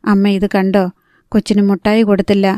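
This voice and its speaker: Woman reading a harried village mother for an audiobook: sharp when scolding, gentle when soothing, mellow and smooth, dry close sound. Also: mid-range voice, little pitch movement, brisk, dry recording, lightly acted. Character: stern, harried young fishing-village mother.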